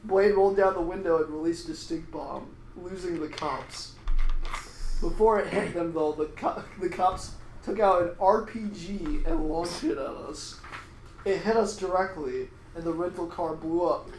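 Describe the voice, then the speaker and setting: A man's voice: high voice, a little slow, a little mellow. A man hosting a comedy podcast, reading a story aloud and often breaking into laughter. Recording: echoey room, faint ambient noise.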